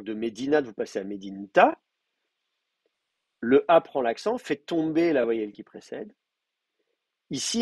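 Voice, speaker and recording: A man lecturing a class, explaining grammar step by step and slowly repeating word forms, with many hesitations. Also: mid-range voice, husky, no echo. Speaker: teacher. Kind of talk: university lecture.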